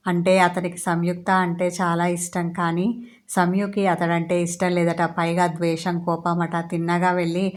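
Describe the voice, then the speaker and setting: A woman narrates a romance story aloud in a scripted reading. Her voice sits a little low. She reads in a steady, even way, with very little melody. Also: moderate pace.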